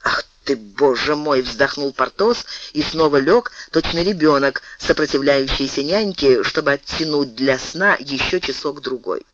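A man reading an audiobook in an expressive, storytelling manner. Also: a little high, normal speed, hardly any pauses, dull audio. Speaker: audiobook reader. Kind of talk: scripted audiobook narration.

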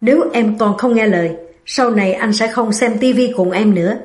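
A woman's voice: medium pitch, brisk, reverberant, natural voice. A woman voicing a cold, guilt-ridden young husband who speaks curtly and brokenly. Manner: curt and flat, breaking into anguish.

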